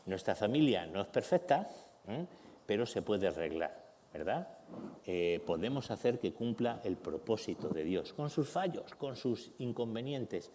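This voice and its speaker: A man in his fifties with a Spanish accent from Spain, preaching a lively sermon and acting out family scenes in shouted voices. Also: lowish voice, a little slow, slight background noise. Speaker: pastor. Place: church hall. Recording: long church reverb.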